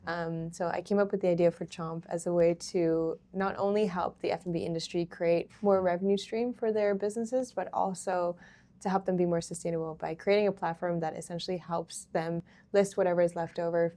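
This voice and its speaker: Low gravelly young woman, easygoing. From Hong Kong. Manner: relaxed, many ums, laughs easily. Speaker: startup founder, interview guest. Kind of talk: casual interview.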